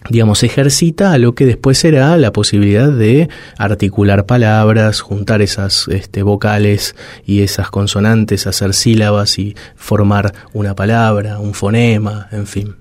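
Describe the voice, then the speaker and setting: A man speaks as a psychologist guest, slow to find his words and full of fillers and restarts. His voice sits a little low, and the sound is dry and close. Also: fairly even intonation, darkish tone, dry recording. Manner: thoughtful, hesitant, with many restarts and fillers; demonstrates baby babble aloud. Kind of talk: reflective interview answers.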